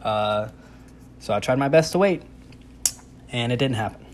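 A young man telling a comic personal story in a casual, animated, self-deprecating way, acting out his own reactions. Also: mid-range voice, normal speed, slight background noise.

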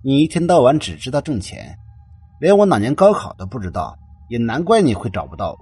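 A man's voice: mid-range voice, wildly swooping pitch, fairly quick, husky, exaggerated voice. A man voicing a defiant young female student who argues with her mother, cold at times and near tears at others. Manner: cold, then tearful and shouting. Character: angry young woman student, defiant daughter.

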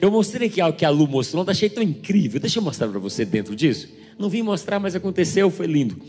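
A Brazilian pastor preaching in a high, bright voice, emphatic and lively. He acts out little everyday scenes with shifting voices to make his point. Soft music plays faintly under him. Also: fast talker. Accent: Brazilian Portuguese. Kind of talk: sermon.

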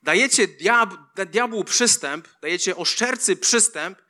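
A man's voice: high voice, expressive, unhurried, bright, forceful tone. A man preaching a sermon, reading scripture aloud and repeating key lines for emphasis. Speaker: pastor.

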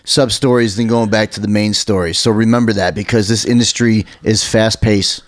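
A man's voice: fairly low pitch, steady tone, moderate pace, no echo. An American man hosting a casual podcast, chatty and informal, with emphatic, digressive talk. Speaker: podcast host.

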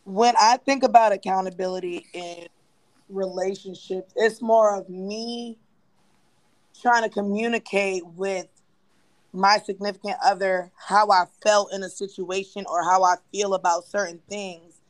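A woman hosting a casual podcast chat, talking in a relaxed, slangy way and drawing out her phrases. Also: mid-range voice, unhurried, no room sound, low-quality recording. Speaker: podcast host.

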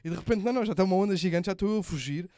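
A man telling stories in casual banter, animated, slangy and full of swearing. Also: high voice, very fast, no room sound, studio quality. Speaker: podcast host.

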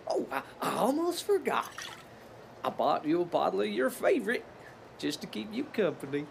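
A fatherly old barkeep with a gravelly, slow, folksy drawl, as a man acts him out. His pitch leaps and dips widely as he talks, and a faint ambient hiss sits behind him. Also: sing-song, heavily acted. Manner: drawling, homespun sayings. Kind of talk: audio drama acting.

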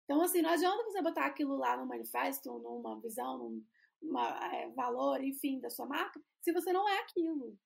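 A woman's voice: high voice, lively intonation, fairly quick, gravelly. A Brazilian woman co-hosting a podcast, chatting casually about branding and often restarting phrases as she searches for the right words. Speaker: podcast co-host, brand designer.

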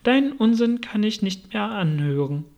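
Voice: medium pitch, animated, normal speed, vocal fry, darkish tone. A reader doing a touchy, stern little mouse. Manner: stern, sulky. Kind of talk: audiobook reading.

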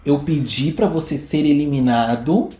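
A man's voice: a little high, normal speed, roomy sound, a loud crowd. A man with a Brazilian Portuguese accent, chatting casually as a podcast co-host and acting out the people in his stories. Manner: animated storyteller acting out quoted voices. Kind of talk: casual gossip chat.

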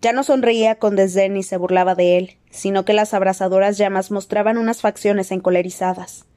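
Woman narrating an audiobook, mellow voice. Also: mid-range voice. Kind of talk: scripted narration.

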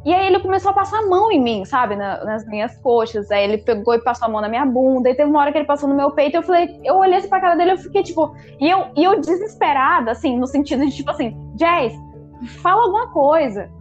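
Fast-talking high-voiced young woman. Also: muffled recording, faint music behind. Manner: animated, lots of fillers and quoted dialogue. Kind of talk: casual storytelling chat with friends.

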